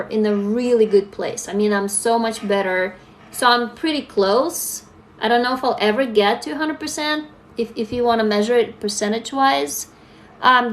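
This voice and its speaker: A young adult woman from Russia, chatting candidly with viewers on a phone livestream and reading their comments aloud. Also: fairly high pitch. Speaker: livestream host. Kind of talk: casual live-stream chat.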